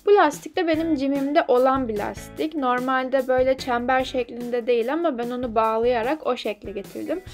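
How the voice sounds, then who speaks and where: Young woman, fitness vlogger, higher-pitched voice, chatty and instructive, soft music underneath. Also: a little fast, few pauses. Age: young adult. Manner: chatty, instructive, slightly self-deprecating. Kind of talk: casual explanatory voice-over.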